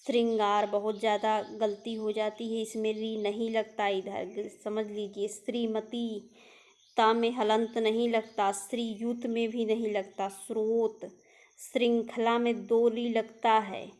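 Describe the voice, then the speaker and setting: Slow, high-voiced woman teaching spelling. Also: flat delivery, a little mellow. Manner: drills word by word, asks rhetorical questions. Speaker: Hindi teacher. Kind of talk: exam-prep spelling lesson.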